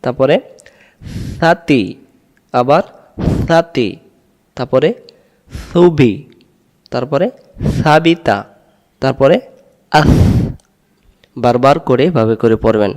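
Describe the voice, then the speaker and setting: A man teaching Quran letter pronunciation, drilling each syllable slowly and asking and answering his own questions. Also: mid-range voice, darkish tone, long reverb tail. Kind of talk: slow drilled recitation lesson.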